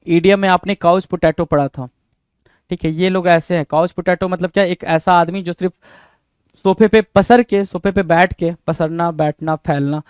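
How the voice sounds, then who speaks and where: Guy teaching vocab, keeps asking "what does it mean?", high clear voice. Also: dry recording. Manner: rhetorical questions to students, repeats words. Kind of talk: exam-prep vocabulary lesson.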